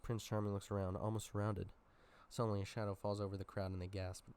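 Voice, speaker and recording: A man with a sore throat casually reads through a film script, tossing in dry asides and small stumbles. His voice is lowish and darkish in tone, clean, with a flat delivery at a quick pace.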